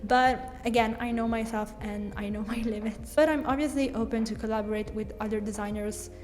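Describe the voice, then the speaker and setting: Speaking English as her second language, this young woman from Italy answers questions in a laid-back vlog about her design business, where she works as a brand designer and content creator. She talks a little fast in a highish, darkish voice with fairly even intonation, candid and chatty with lots of "like," and the room leaves a long reverb tail.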